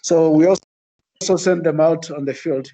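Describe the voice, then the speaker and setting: A man's voice: on the high side, steady tone, moderate pace, mellow, poor audio. A man working as an instructor, explaining a training course in a hesitant, piecemeal way. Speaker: journalism instructor.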